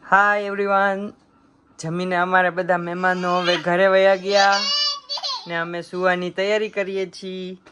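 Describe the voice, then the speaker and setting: A woman narrating a relaxed bedtime vlog at home. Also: lowish voice, measured pace, background noise.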